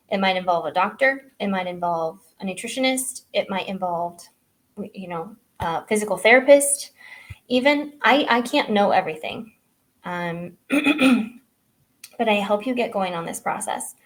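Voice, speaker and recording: A woman's voice: medium pitch, a bit bright. A middle-aged woman health coach giving a casual live online training, talking loosely with many fillers and "right?" tags.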